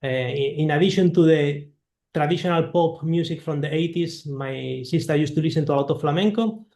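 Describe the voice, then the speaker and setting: A man's voice: fairly high pitch, a little fast, darkish tone, roomy sound. A man from Spain with a Spanish accent, speaking as a guest composer in an interview, thoughtful and hesitant with many fillers. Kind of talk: interview conversation.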